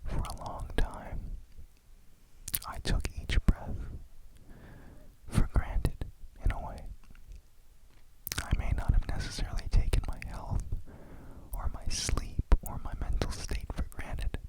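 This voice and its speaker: A person whispering ASMR affirmations and guided meditation in a reflective, deliberate way. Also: low-quality recording. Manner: slow, reflective, deliberate phrasing.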